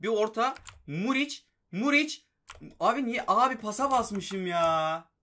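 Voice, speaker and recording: Young guy yelling at his football game as he plays, high bright voice, keyboard clicks behind. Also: measured pace. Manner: excitable, frustrated outbursts at the game. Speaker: gaming YouTuber. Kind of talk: live gameplay commentary.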